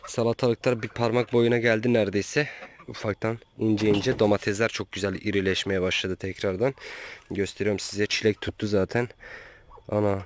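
A man's voice: lowish voice, flat delivery, moderate pace. A man chatting casually on his farm vlog, talking to his chickens and geese, scolding and coaxing them as he films. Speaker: small-farm vlogger. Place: outdoors at a small backyard farm. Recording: outdoor farm with audible poultry noise. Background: chickens and roosters clucking.

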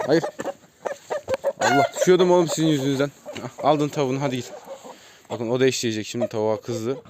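A man casually showing viewers around his outdoor chicken coops, chatting to them as friends and calling out to his birds. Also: medium pitch. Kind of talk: casual vlog narration. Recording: noisy outdoor audio with chickens clucking and roosters crowing. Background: hens clucking and roosters crowing.

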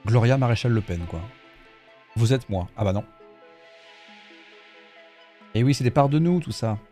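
A man, giving casual, animated let's play commentary and reading on-screen dialogue aloud. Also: medium pitch, quick pace. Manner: animated, swearing, talks to viewers. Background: game music.

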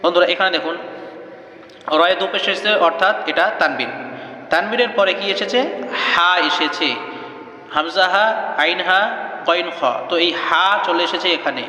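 Man, high bright voice, teacher spelling out letters then drawing out sung words; reverberant room. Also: normal speed, long pauses. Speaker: Quran reading teacher. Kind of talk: Quran reading lesson, spelling out letters and chanting words. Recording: echoey room with long reverb.

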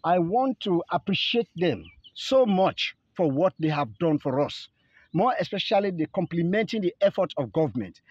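An older male district agriculture officer speaking formally and a little haltingly in an outdoor interview. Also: a little high, no echo, muffled recording.

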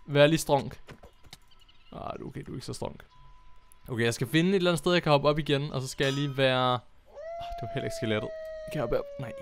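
Excitable young man narrating his gameplay. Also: on the high side. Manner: chatty, excitable, laughs often. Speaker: gaming YouTuber. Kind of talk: casual Minecraft commentary.

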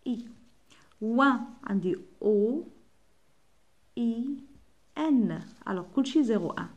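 A woman primary school teacher with an Algerian accent, giving a phonics lesson and slowly repeating each word and sound for young pupils. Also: mid-range voice, creaky. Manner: slow, drawn-out repetition of words and sounds for children. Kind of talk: French phonics lesson mixed with Algerian Arabic explanations.

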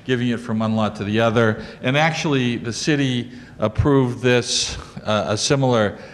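At a public meeting in a council chamber lined with wood paneling, an older man with a medium-pitched voice speaks at normal speed as he presents a lot plan to the planning board. He walks around holding a handheld mic, uses many fillers and restarts, and the room is echoey with some light noise.

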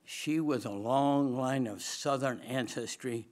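Medium in pitch and slow in delivery, an older man with a Swedish accent stands at a lectern microphone in a large auditorium. As a chapel speaker and former dean, he gives a storytelling sermon laced with humor and frequent laughter. He's lively, with broad gestures.

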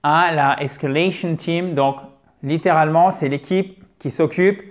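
A man teaching English pronunciation at a board. He talks lively, calls his viewers dear friends, and slowly repeats English words to model each sound. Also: a little high. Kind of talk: explaining a lesson at a board.

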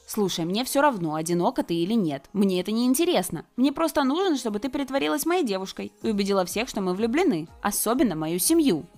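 A woman doing a curt rich young man in an animated story, cold and commanding, quick lively delivery, soft music behind. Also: medium pitch, natural voice.

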